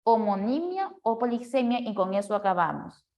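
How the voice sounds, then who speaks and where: A woman's voice: on the high side, big pitch swings, moderate pace, darkish tone. A woman teaching a class, explaining step by step and often checking that the students follow along. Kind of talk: classroom lecture.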